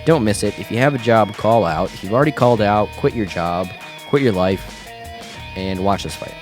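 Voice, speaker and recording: A podcast host chats casually and enthusiastically on his own solo show, his fairly low voice sounding nasal and stuffed-up. He speaks at normal speed with lots of fillers, using a home podcast mic through a mixer, with faint music behind him.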